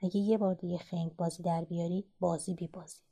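A woman's voice: on the low side, little pitch movement, mellow, breathy edge. A woman reading the part of a bossy young boy who scolds his little sister at a board game. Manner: scolding, impatient. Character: bossy impatient young boy, older brother.

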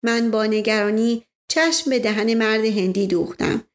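Brief: female audiobook narrator, steady storytelling, slightly high voice.

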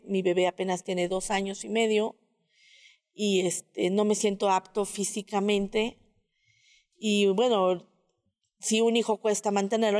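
Woman telling her story, lots of pauses and fillers, long reverb hanging on the voice. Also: medium pitch, a little mellow. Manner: hesitant, many filler pauses. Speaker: guest sharing a personal testimony. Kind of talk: casual storytelling.

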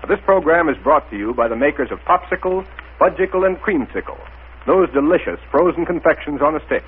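A man's voice: on the high side, expressive, a little fast, a little hiss or hum. A man speaking as an old-time radio announcer, theatrical and salesman-like, on a muffled 1930s radio recording.

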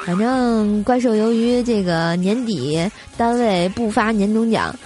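A young woman from Tianjin, China, hosts a comedy radio show, telling funny stories in a chatty, giggly way loaded with filler words. Her medium-pitched voice is unhurried, a little mellow, and lively in intonation, over soft background music.

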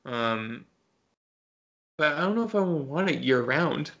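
A man's voice: fairly high pitch, animated, unhurried, fairly bright tone, lo-fi sound. A man co-hosting a podcast, chatting informally and restarting mid-thought as he talks. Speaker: podcast co-host. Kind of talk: casual podcast chat.

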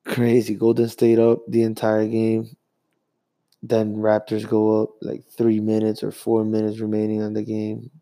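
Young dude vlogging, cussing a lot, kinda low mellow voice, rambly. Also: male voice, monotone, no room sound. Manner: profane, rambling, fast bursts with sudden slowdowns. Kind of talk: casual sports rant.

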